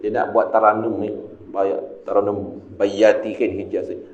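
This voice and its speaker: Lively Malaysian teacher in an echoey mosque hall. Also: male voice, lowish voice, dull audio. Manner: lively, asks listeners questions and answers them himself; demonstrates sung and drawn-out recitations. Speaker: religious teacher. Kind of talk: mosque lecture on a religious text. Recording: echoey room, faint ambience.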